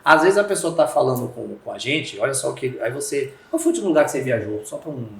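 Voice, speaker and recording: A Brazilian man talks in a conversational podcast interview. His voice is mid-pitched, and he acts out little scenes as he explains. The room around him sounds echoey. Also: quick pace, creaky. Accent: Brazilian Portuguese. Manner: animated storyteller acting out quoted dialogue. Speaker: guest, communication speaker.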